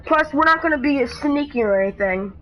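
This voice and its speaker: A woman casually talking through a game on a live stream, rambling and halting, with frequent restarts. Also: sits high, lively intonation. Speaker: gaming streamer. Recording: dull lo-fi stream audio with faint noise.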